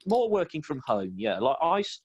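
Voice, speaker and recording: A man's voice: fairly high pitch, very animated, moderate pace, breathy edge, no room sound, lo-fi sound. A British man in his early twenties, co-hosting a casual chat on a video call, opinionated and emphatic, often repeating himself. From Britain. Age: early 20s. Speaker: podcast co-host.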